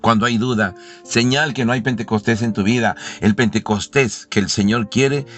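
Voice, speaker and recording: A man's voice: medium pitch, steady tone, normal speed. Fervent male preacher, faint music. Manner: fervent, rising to loud exclamations. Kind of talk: sermon.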